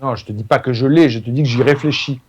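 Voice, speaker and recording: A man's voice: medium pitch, quick pace, a little mellow, husky. A man co-hosting a casual tech chat, laid-back and drily teasing. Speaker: co-host.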